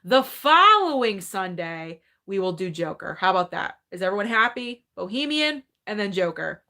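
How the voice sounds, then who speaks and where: With a sing-song lilt and a sharp tone, a thirty-something woman speaks at a moderate pace and medium pitch. She's hosting an informal live movie Q&A from her home, cheerfully chatting, going through viewer comments, and thinking out loud.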